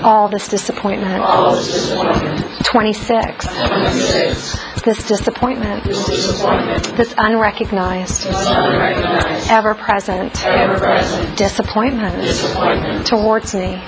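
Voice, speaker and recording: A woman's voice: mid-range voice, steady tone, slow, long pauses, loud music behind the voice. A woman leading a workshop group through a call-and-response tapping exercise, speaking short paced phrases for them to repeat. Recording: group echoing each phrase loudly. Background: loud group chorus.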